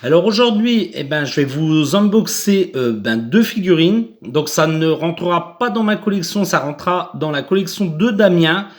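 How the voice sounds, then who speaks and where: A man's voice: fairly high pitch, animated, normal speed, hardly any pauses. Hesitant French man hosting an unboxing. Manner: hesitant, many fillers and restarts. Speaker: YouTube unboxing host. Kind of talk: casual unboxing vlog.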